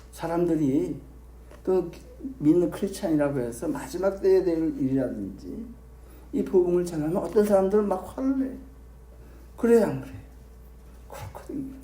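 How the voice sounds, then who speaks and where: Guy preaching a sermon, kinda high voice but mellow, keeps asking the crowd stuff, echoey church. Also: animated, moderate pace, pauses often. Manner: questions the congregation directly; emphatic repetition. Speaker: pastor.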